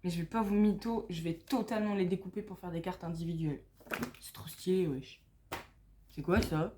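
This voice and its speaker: A young woman chatting casually and using slang while she unboxes an album, reading English text slowly, recorded on a phone at home. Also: fairly low pitch, dark tone. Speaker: unboxing vlogger.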